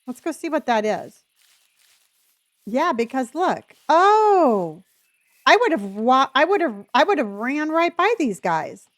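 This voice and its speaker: She's a woman live streamer, gaming and chatting casually, calling her viewers honey. Her high, fairly bright voice is sing-song and unhurried, and a speech impediment means she can't say her R's.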